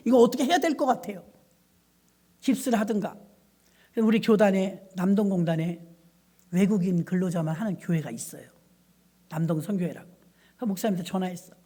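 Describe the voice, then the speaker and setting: A middle-aged woman pastor delivers a storytelling sermon. She recounts church anecdotes in a lively, conversational way and briefly acts out the voices of the people in them. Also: mid-range voice.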